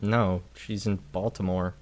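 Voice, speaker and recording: A man's voice: low voice, flat delivery, unhurried, a little mellow. A young man in casual chat with a friend, dry and wisecracking. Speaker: guest.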